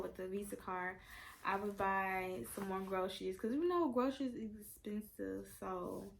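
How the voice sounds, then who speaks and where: A young woman, gushing excitedly through a casual unboxing vlog. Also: mid-range voice. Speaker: vlogger. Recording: music playing behind.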